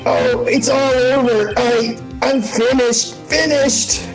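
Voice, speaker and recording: A man voicing a melodramatic, hapless young man in despair, with overwrought wailing over loud game music. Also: very high-pitched, steady tone, slow pace, full character voice, low-quality recording. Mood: pleading.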